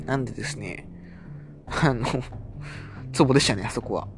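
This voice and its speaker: Male solo host, chatty recap delivery, middle-pitched voice, faint music underneath. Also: moderate pace. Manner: chatty, recaps promos in a lightly mimicking tone. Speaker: podcast host reviewing wrestling shows. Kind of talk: casual solo commentary.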